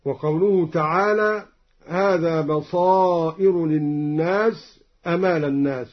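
A man teaching the readings of sacred verses, explaining each point in a measured voice and then chanting the verse melodically. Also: a little high. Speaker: Quran recitation teacher. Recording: dull lo-fi recording.

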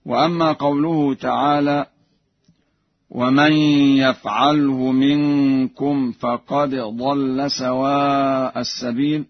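Slow husky guy teaching quran readings on old radio, chants the verses long and drawn out, dull lo-fi sound. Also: mid-range voice, no echo. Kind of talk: radio lesson with chanted examples. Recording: muffled lo-fi radio recording.

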